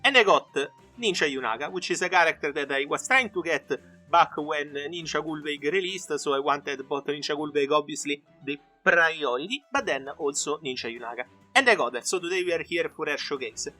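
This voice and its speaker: A man's voice: on the high side, a little fast, hardly any pauses, pushed and bright, faint music behind. A man hosting a gaming video, giving casual showcase commentary.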